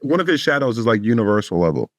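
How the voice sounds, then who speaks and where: A man's voice: medium pitch, very animated, rapid-fire, no echo. A man co-hosting a podcast, debating casually in street slang with some swearing. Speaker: podcast co-host.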